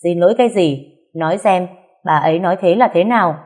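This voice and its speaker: A stern middle-aged father bellows and scolds in fury, as a woman narrator puts him on. The voice stays low and harsh. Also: fairly quick, lightly acted. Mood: furious scolding. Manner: shouting, scolding.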